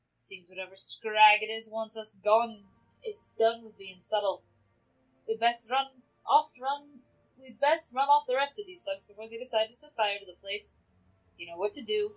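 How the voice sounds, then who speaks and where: A woman voicing a gruff, burly male machinist who talks bluntly in a video game. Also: fairly high pitch, fairly bright tone, lightly acted, low-quality recording.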